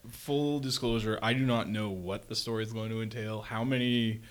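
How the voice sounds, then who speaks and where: A man's voice: fairly low pitch, fairly even intonation, moderate pace, clear, resonant tone. A man hosting a podcast, rambling and jokey, with many restarts. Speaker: podcast host. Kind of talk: casual chat.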